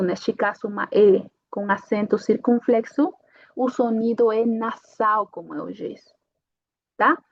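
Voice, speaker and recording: A woman's voice: on the high side, no echo, muffled recording. A woman teaching a pronunciation lesson. She explains step by step and checks in with her learners after each point. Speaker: language teacher.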